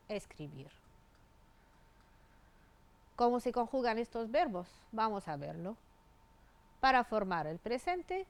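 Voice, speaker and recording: A woman teaching Spanish grammar, reading out verb forms one by one and spelling out the endings. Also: medium pitch. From Tunisia. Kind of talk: grammar lesson.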